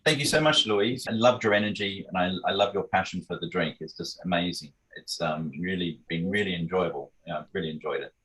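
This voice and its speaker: Man co-host, very low voice, friendly and agreeable. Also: brisk, few pauses, a bit bright, low-quality recording. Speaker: podcast co-host. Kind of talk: casual podcast chat.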